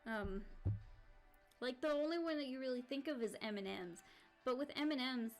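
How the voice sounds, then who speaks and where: With faint background music behind her, a woman streams herself drawing while chatting casually. Her voice is high-pitched and animated at normal speed, and she rambles, restarting often and saying "like" a lot.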